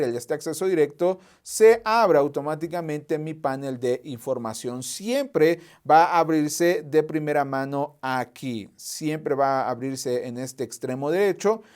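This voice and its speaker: Over a screen share, a software trainer guides viewers through a tutorial, working methodically, repeating the main points and thinking out loud as he clicks. His voice is fairly high, clear and resonant.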